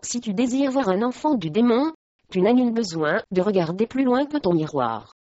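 A woman's voice: a little high, animated, normal speed, no echo. Lady reading as a baron, firm and earnest, muffled dry recording. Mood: angry. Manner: sharp, then earnest. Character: irritable nobleman, tender with his wife.

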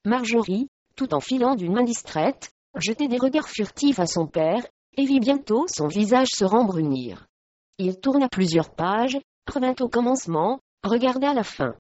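A woman narrating a historical storybook in a calm, even reading voice. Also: on the high side, unhurried, no echo, lo-fi sound. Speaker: audiobook narrator.

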